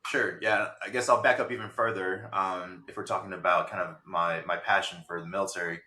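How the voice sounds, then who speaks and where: Deep-voiced man in an echoey room. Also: steady tone, pushed and bright. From Taiwan. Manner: measured and explanatory, with "um" and "uh" fillers. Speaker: guest, startup founder. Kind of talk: interview answers.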